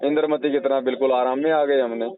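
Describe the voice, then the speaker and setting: A man with a mid-range voice and fairly even intonation talks fast as a spiritual adviser on a recorded phone call, giving informal religious counsel. He explains and admonishes, often tacking on short questioning tags. The telephone audio sounds tinny.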